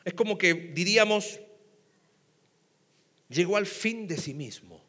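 A pastor preaches to a congregation in a church hall with long reverb, talking conversationally and asking the audience questions. His voice is high-pitched and a bit bright, with lively intonation and a slow pace.

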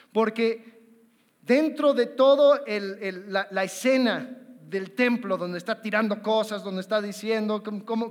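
A man giving a conversational sermon, animated and acting out little inner dialogues, with frequent repeated words. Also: high-pitched, big-room sound. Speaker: preacher.

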